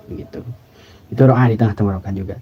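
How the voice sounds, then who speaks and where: A man teaching Quran recitation rules in a patient lesson, repeating example words slowly. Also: fairly low pitch, big pitch swings, a little hiss or hum. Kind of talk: tajwid lesson. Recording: slightly dull lo-fi sound.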